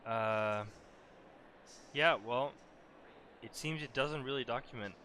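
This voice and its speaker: A man's voice: medium pitch, unhurried. A man giving casual, informal and self-critical commentary as he streams a racing game. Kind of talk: casual live gaming commentary. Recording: loud car engine noise behind voice. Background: racing game vehicle noise.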